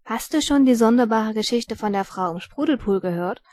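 A woman's voice: a little high, expressive, a little fast, mellow, no room sound, lightly acted. A woman voicing a pale boy who insistently spreads gossip in a read-aloud story.

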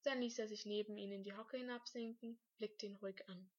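Woman, story reading, calm and measured, medium pitch, muffled lo-fi audio. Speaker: narrator.

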